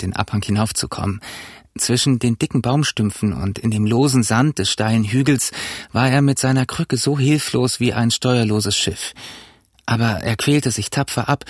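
Male audiobook narrator, husky tone, dry close recording, measured storytelling. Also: medium pitch, no room sound. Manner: measured storytelling, first person. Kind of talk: scripted narration.

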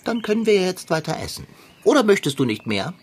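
A pompous, greedy cartoon tomcat who speaks in grand, flowery phrases. His voice swoops wildly up and down at a middling pitch. A faint hiss of noise sits under the recording. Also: big pitch swings, a little fast, darkish tone. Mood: haughty. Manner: pompous, flowery formal speech. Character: pompous greedy male tomcat, fussy gourmand. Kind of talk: cartoon voice acting.

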